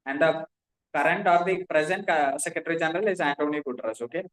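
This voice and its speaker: A man's voice: a little high, fast, fairly bright tone, low-quality recording. A man with an Indian English accent teaching a class, dictating notes and spelling names letter by letter, often repeating himself.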